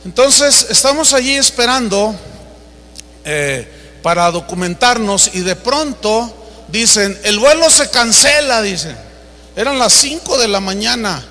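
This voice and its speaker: A pastor delivers an emphatic sermon in a reverberant hall, acting out anecdotes along the way. He has a high, pushed, bright voice with lively intonation and an unhurried pace.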